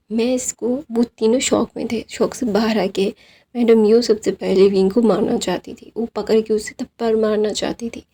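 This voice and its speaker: A woman with a warm, somewhat high voice and a breathy edge casually retells a fan story, mixing in English phrases. She reads the quoted lines of several characters in her own voice, with fillers.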